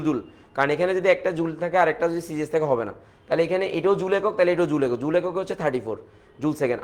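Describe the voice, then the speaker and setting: A man with a Bangladeshi Bengali accent teaching chemistry in a live online class. He works through calculations step by step, repeats key points, and answers viewers' comments. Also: a little high.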